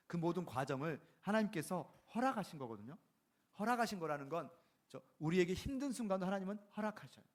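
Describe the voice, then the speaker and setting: A male pastor delivering a conversational sermon, often checking in with the congregation with "right?" and reading scripture slowly. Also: high-pitched. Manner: conversational preaching, keeps asking the congregation "right?"; reads scripture slowly and deliberately.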